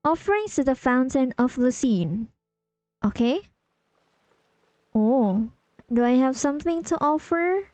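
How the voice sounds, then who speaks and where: A woman's voice: high voice, animated, measured pace, long pauses, a little mellow, dry recording, faint music behind. A woman streaming a video game, chatting casually and giggling while she talks to her viewers. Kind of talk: casual livestream commentary.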